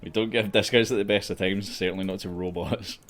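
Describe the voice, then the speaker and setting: A man's voice: low voice, steady tone, fairly quick, a loud crowd. A man running a tabletop game as game master, amused and given to theatrical narration. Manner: amused, often laughing, theatrical rhyming narration.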